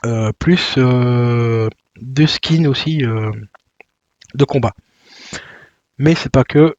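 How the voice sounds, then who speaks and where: A man's voice: mid-range voice, very slow, darkish tone, dry recording, lo-fi sound. A man chatting casually while he unboxes a video game, with lots of fillers and self-corrections. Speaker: YouTuber unboxing video games.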